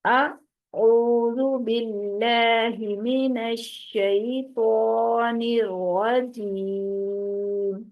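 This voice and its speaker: A woman teaches a recitation lesson, explaining mistakes step by step in a mid-range voice. She slows way down to demonstrate each word. The audio is thin and narrow, like a phone line. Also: mid-range voice. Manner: slow, drawn-out demonstration of Arabic words.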